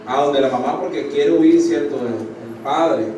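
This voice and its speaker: A man's voice: fairly high pitch, unhurried, a crowd in the background. A man preaching a sermon to his congregation, often asking them "right?" and breaking off to restart his sentences. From Colombia. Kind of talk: church sermon. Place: church hall. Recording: very echoey church hall, distant mic, room noise.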